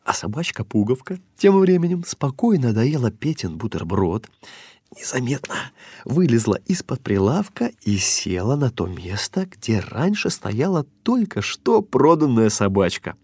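A man narrating a children's story with an expressive, lilting read-aloud delivery. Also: medium pitch, a little slow, breathy edge, dry recording.

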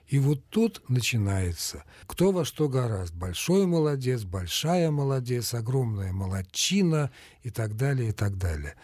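A man speaking as a language expert on a radio call-in show, answering in a measured, explanatory way. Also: fairly low pitch, a little mellow, breathy edge, no echo.

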